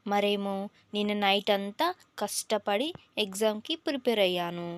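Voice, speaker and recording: A woman's voice: mid-range voice, moderate pace, clear, resonant tone, no room sound, natural voice. A woman voicing a dramatic young female student who whines and pleads tearfully in a storybook. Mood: melodramatic whining. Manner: whiny, melodramatic pleading.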